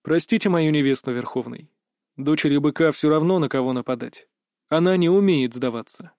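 A man voicing a calm high mage who speaks softly and tenderly. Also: a little fast, no room sound, studio quality, lightly acted. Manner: soft, hushed and tender.

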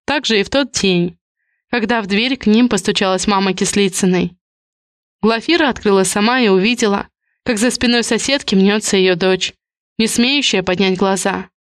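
A woman narrating an audiobook at a steady, even pace. Her voice sits at a middle pitch. The recording is close and dry, with no room sound. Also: moderate pace, no room sound.

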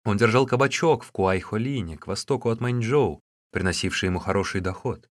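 A man voicing a weary, tough outlaw hero in an audiobook, speaking low and grim. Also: brisk, no room sound, studio quality, lightly acted. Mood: recounting.

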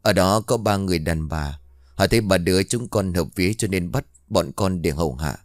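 A man voicing the ghost of a young woman, speaking tearfully and slowly to her mother in a storybook tale. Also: sits low, dry recording, studio quality, close to an everyday voice. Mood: mournful.

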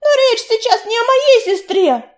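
A woman voicing a young female warrior cat from a storybook, hot-headed and stubborn, talking shrill and loud. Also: lively intonation, a little slow. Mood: angry hurt.

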